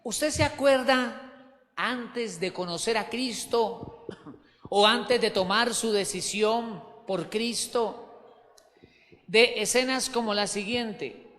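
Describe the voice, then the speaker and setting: A man's voice: high voice, slow pace, fairly bright tone. A man preaching a sermon as pastor to his church, emphatic, repeating key words and asking the congregation questions. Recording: long hall reverb.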